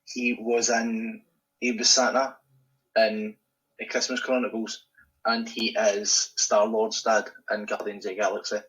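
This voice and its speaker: A man's voice: on the low side, flat delivery, measured pace, a bit bright, rough recording. A Scottish man co-hosting a casual podcast in a laid-back, chuckling way. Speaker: podcast co-host. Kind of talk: casual chat.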